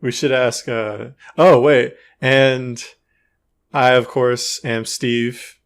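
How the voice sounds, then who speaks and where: A man's voice: medium pitch, fairly even intonation, very slow, clear, resonant tone. A man hosting a casual gaming podcast, joking with his co-hosts and laughing easily. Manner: jokey, laughs easily, playful intros. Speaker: podcast host.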